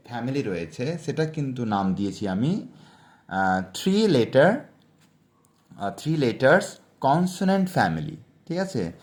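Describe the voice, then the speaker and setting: Slow-paced man teaching phonics. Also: medium pitch, darkish tone. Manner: slow, spells letters aloud, checks in often. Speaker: English teacher. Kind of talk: spoken phonics lesson.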